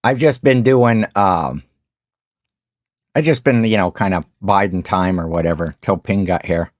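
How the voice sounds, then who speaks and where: A man with a low-pitched voice and a Midwestern American accent hosts a casual reseller livestream, speaking unhurriedly with no room sound. He rambles while eating and greets viewers in the chat.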